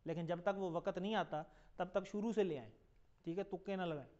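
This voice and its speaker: A man teaching a classroom lesson, patiently repeating words slowly for his students to echo back. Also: high voice, darkish tone, dull audio. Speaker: Arabic teacher.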